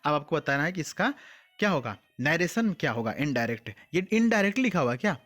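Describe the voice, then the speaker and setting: A man teaching an English exam-prep lesson, asking questions and answering them himself, reading English sentences out slowly word by word. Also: on the high side, very animated, fairly bright tone. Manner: mixes English words into Hindi explanation.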